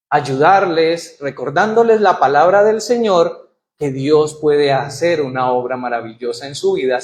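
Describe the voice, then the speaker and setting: A man preaching a sermon in church, asking the congregation questions and reading scripture aloud with rising emphasis. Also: on the high side. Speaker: pastor.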